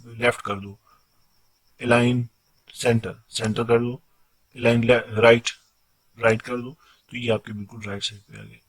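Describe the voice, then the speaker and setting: A man giving a quick, explanatory screen-recorded software tutorial, often checking in with his viewers. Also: mid-range voice, breathy edge. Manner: quick explanatory delivery with frequent "theek hai na" check-ins.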